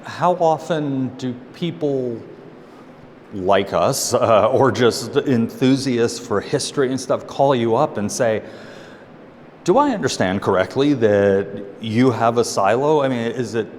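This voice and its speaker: A man's voice: mid-range voice, lively intonation, darkish tone. Curious male interviewer in echoey silo. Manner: friendly, curious, quick to laugh. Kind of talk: casual interview questions. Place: inside an underground missile silo. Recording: echoey concrete chamber, faint background noise.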